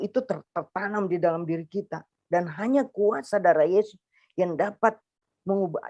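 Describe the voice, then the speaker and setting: A woman with a Makassar Indonesian accent shares a personal testimony with a congregation, acting out dialogue with sudden jumps in pitch. Her tone is warm, and the recording has no echo but cuts off the highs.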